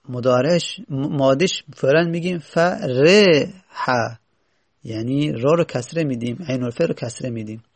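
A man's voice: mid-range voice, a little mellow, no echo. A male teacher giving a classroom lecture, reading lines from a grammar text and then patiently explaining each one in plain words, often asking the class rhetorical questions.

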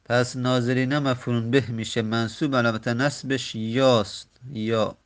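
Guy explaining arabic grammar in a lesson, reads the text then explains slow and methodical. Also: mid-range voice, level tone. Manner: recites Arabic text, then explains it slowly, dwelling on example words.

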